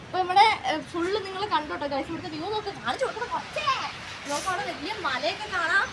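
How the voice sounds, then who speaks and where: A woman's voice: very high-pitched, expressive, fast talker, crowd noise. A woman vlogging casually to her viewers, chatty and exclamatory, filming on a phone. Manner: chatty, addresses viewers as guys, exclaims often. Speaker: travel vlogger. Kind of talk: casual vlog chat. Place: rooftop terrace in hot sun, then indoors. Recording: phone video with loud background noise.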